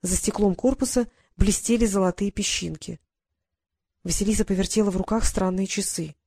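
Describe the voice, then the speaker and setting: A woman narrating a children's fantasy audiobook in an even, measured reading. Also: medium pitch, slightly rough. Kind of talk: scripted fiction narration.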